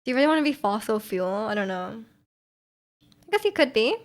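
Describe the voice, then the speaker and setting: A slightly high, expressive voice belongs to a woman in her twenties who streams and chats casually while reading viewer messages. She talks a little fast and is giggly and talkative, laughing often.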